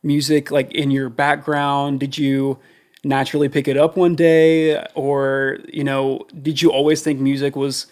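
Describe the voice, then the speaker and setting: A man's voice: mid-range voice, little pitch movement, measured pace, darkish tone, clean tone. A man hosting a studio interview, asking loose, rambling questions full of fillers. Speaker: interview host. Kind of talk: casual interview chat. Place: recording studio.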